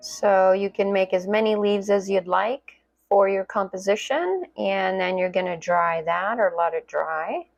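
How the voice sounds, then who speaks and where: A woman's voice: medium pitch, a little slow, creaky, hardly any pauses, muffled recording, faint music behind. A middle-aged woman narrating a casual painting tutorial in a chatty, self-deprecating way. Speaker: watercolor painting instructor.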